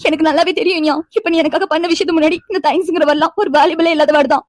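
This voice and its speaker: A woman's voice: very high-pitched, steady tone, very fast. A woman voicing an earnest, emotional young woman in a cartoon, an older-sister figure who speaks gratefully. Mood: tearful. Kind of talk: animated cartoon dialogue.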